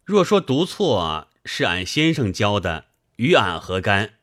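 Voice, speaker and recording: A man's voice: lowish voice, sing-song, measured pace, a bit bright, no room sound, clean studio sound. A man voicing a blunt, boastful middle-aged merchant with folksy talk.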